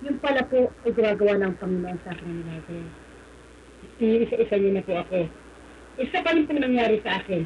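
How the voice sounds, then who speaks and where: A woman's voice: on the high side, a little hiss or hum. A woman from the Philippines giving an earnest, polite personal testimony on the radio, often slipping into English. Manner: earnest, polite, mixes English into her talk. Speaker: radio guest sharing a testimony. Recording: slightly muffled live radio stream.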